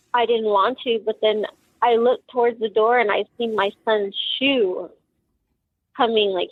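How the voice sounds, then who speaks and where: A middle-aged woman, a grieving mother, recounting a painful memory in an interview, halting and emotional with many pauses and fillers. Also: medium pitch, no room sound. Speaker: mother of a murder victim. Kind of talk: personal account in an interview. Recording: tinny phone-like sound.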